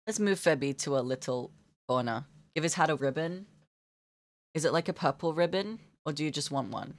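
Giggly young woman streamer, lowish voice. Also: fairly quick. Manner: giggly, gushing, talks to chat. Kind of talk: casual live-stream chat while drawing.

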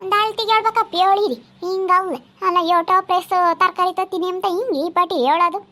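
In a comedy sketch, a woman plays a scolding village woman haggling over vegetable prices. Her very high, sharp voice stays fairly even in intonation as she nags in rapid-fire bursts.

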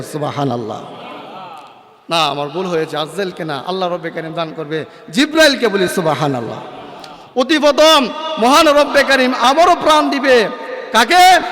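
Male preacher, sing-song impassioned sermon, very high-pitched voice, long echoing reverb. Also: fairly bright tone. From Bangladesh. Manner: impassioned, calls out for responses from the crowd, sing-song delivery. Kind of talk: chanted sermon at a religious gathering.

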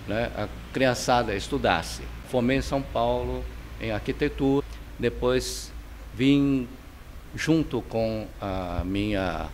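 A middle-aged man from China with a Chinese accent, giving relaxed interview answers about his painting, with many fillers and restarts, recorded on a handheld mic in his home studio. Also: medium pitch, a little hiss or hum.

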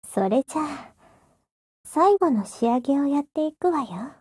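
A woman streaming an ASMR role-play, talking in a teasing, coquettish way with soft, drawn-out endings. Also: high voice, animated, no echo, studio quality.

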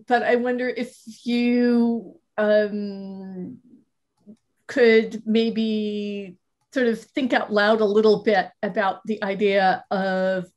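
A woman moderating a meetup Q&A over a video call, asking a long question in a halting, hesitant way. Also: medium pitch. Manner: halting, many fillers and restarts.

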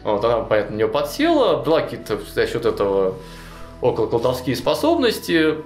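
Briskly and at medium pitch, a suit-jacketed young guest recounts a long story in a relaxed, animated way, his speech studded with "ну" and "вот." The setting is a spacious studio with a chalkboard wall and quiet music underneath.

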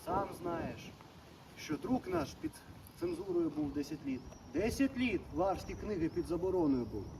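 A man's voice: sits high, big pitch swings, normal speed, far from the mic, background noise. A man playing a solemn church hierarch who speaks in archaic words, in a historical stage performance. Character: elderly metropolitan giving blessings. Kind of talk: historical theatre acting.

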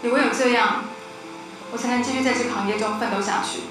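An actress plays an earnest young woman doctor in a TV drama, quick-spoken and composed, pressing her case sincerely. Her slightly high voice sits in an echoey room over a prominent music score. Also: fairly even intonation, close to an everyday voice.

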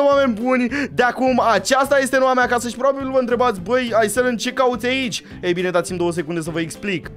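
A man narrating and acting out a Minecraft role-play in a high, sing-song voice that leaps up and down. He is excitable and jokey and often breaks into yells, with faint music playing underneath. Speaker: gaming channel host.

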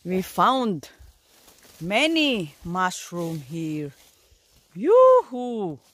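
Excited woman vlogging in a forest. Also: mid-range voice, drawn-out words. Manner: excited exclamations, mixing English and German. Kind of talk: casual vlog narration. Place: outdoors in a forest.

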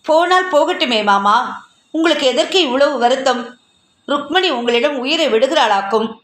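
A woman voicing a proud, spirited young woman who answers back with quick, cutting retorts, in an echoey room. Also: high voice, expressive, a bit bright. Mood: tart.

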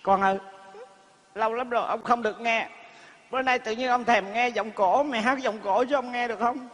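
A man's voice: very high voice, fairly even intonation, a little fast, fairly bright tone. A male comedian playing a cranky, teasing old grandfather who loves foreign things, on a live stage. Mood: bossy teasing. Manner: bossy, teasing, calls the girl "mày". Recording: live stage with hall reverb and faint noise.

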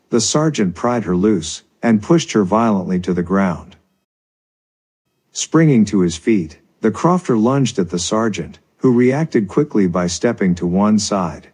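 Man reading a dark folk tale, steady pace, low husky voice. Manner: measured storytelling. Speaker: narrator. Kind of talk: scripted narration.

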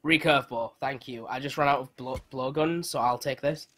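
A man's voice: mid-range voice, normal speed, a bit bright. A young man chatting over a multiplayer game with a teammate, joking, swearing and shrieking when things get tense. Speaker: gamer. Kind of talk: excited gameplay chat.

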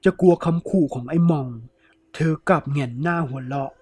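A man narrating a scripted ghost story in a steady, dramatic way. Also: on the high side, brisk, breathy edge, no room sound, faint music behind.

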